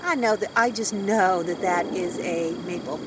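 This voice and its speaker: This woman in her fifties talks at a normal speed in a voice on the low side, chatting and thinking aloud during a casual vlog walk in the woods. The handheld phone camera picks up a noisy background outdoors.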